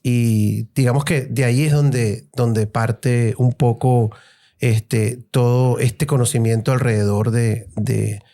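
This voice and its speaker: A Venezuelan man, a trauma surgeon guest, talking in a casual, halting way with many fillers and restarts. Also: medium pitch, steady tone, mellow. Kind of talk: casual interview chat.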